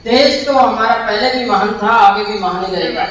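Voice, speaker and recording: A man's voice: sits high, moderate pace, fairly bright tone, a little hiss or hum. A man speaking as a local voter at a public debate, earnestly demanding attention to local issues. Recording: very echoey hall, distant.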